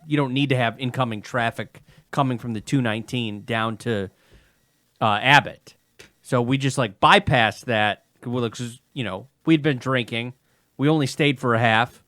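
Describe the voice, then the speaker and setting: A man rambles and teases his co-host in casual podcast chat, sounding exasperated. His voice sits at a medium pitch, recorded close and dry. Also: a bit bright, dry recording.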